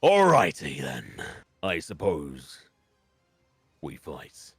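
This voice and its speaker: A smirking male villain, put on by a man running a tabletop game, speaks in a slow, unhurried drawl. His voice is low and calm. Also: breathy edge, no echo, clean studio sound, faint music behind, heavily acted. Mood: smug.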